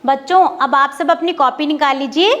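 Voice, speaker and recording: A woman primary school teacher leading a phonics lesson, calling out syllables slowly and clearly for children to repeat. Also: high-pitched, fairly bright tone. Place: classroom with children.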